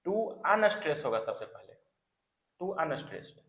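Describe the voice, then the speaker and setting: A man's voice: on the high side, big pitch swings, moderate pace, a bit bright, reverberant. A man giving an exam coaching lecture, repeating key terms and checking in with students often. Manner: repetitive, checks in with "है ना" and "clear". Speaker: exam prep teacher.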